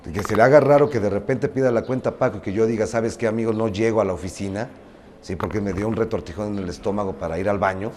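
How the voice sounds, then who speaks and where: A man's voice: fairly low pitch, fast talker, a little mellow, slight background noise. A man in a documentary interview, making his case in an insistent, conversational way. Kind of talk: defending himself in an interview.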